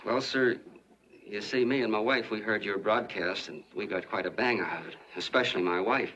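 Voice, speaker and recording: An actor playing a folksy small-town soda jerk who tells a long, earnest, rambling story in 1940s film style. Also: male voice, on the low side, moderate pace, a bit bright, lightly acted. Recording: muffled, hissy 1940s film soundtrack.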